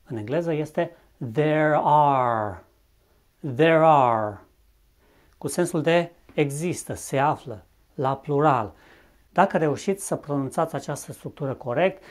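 A language teacher from Romania giving a scripted video lesson, speaking slowly and deliberately and repeating example words with careful pronunciation. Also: medium pitch. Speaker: English teacher.

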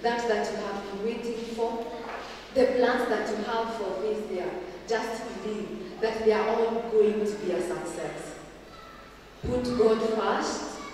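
This sermon comes from a young adult female preacher with a Kenyan English accent, her medium-pitched voice a little mellow. She exhorts earnestly, slows for emphasis and gestures, while the handheld mic and distant camera capture a long, echoey indoor church-hall reverb, faint ambience and slight hiss or hum.

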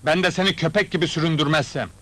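An actor playing a blunt, grumbling Turkish migrant worker in a film comedy. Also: male voice, a little high, fast, fairly bright tone. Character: plain-spoken Turkish migrant worker, man. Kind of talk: 1980s film comedy acting.

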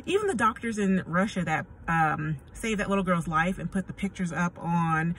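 Inside a car, a middle-aged American woman vlogs to camera in a casual, rambling way, blunt and full of slang. Her lowish, fairly bright voice has lively intonation and a moderate pace, recorded from a phone at arm's length with distant-mic sound and noisy car ambience.

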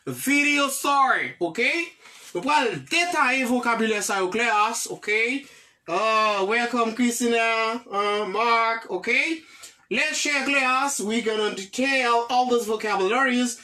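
A woman's voice: a little high, sharp tone. A woman with a Haitian accent teaching English vocabulary online, repeating each word and checking with "ok?". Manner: repeats words slowly with frequent "ok?" checks. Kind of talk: online language lesson, mixing English, French and Creole.

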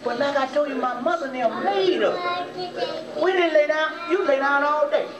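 An older pastor in his 60s or 70s paces before his congregation in a church sanctuary, preaching an impassioned, colloquial sermon that's emphatic and repetitive, stumbling over words in bursts. His voice is very high-pitched at normal speed, heard over loud music and a loud congregation. A distant camera in the room captures it, so the hall sounds echoey and far off.

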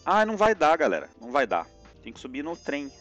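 A Brazilian man streams a platform game live, his slightly high voice swinging up and down as he yelps and groans through every jump. Faint game music plays under his commentary. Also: huge pitch swings, fast talker, a bit bright, lo-fi sound. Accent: Brazilian Portuguese.

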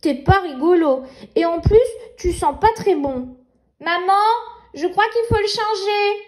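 A woman's voice: extremely high pitch, unhurried, pitched above the performer's own voice, rough recording. A woman voicing a feisty, cheeky little girl and proud big sister in a children's storybook, childlike and exclamatory. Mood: cheeky, bossy. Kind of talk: children's storybook read aloud.

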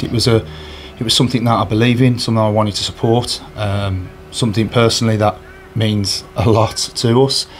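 A charity match organiser stands before a sponsor board indoors, speaking into a handheld recorder the interviewer holds. His voice sits fairly low, and he replies earnestly, stumbling through many fillers and restarts. A little background noise is audible.

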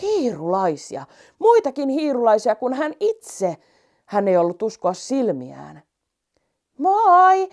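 A woman reading a children's story aloud in a gentle, expressive storytelling manner. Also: mid-range voice.

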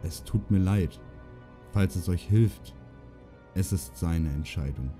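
A man voicing a calm, fatherly older king who grumbles his words in an audiobook reading. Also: low voice, slow, soft background music.

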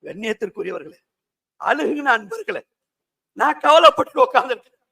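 A man giving an impassioned devotional sermon as a Sufi preacher, often rising to shouts. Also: very high voice, very animated, moderate pace, gravelly, breathy edge.

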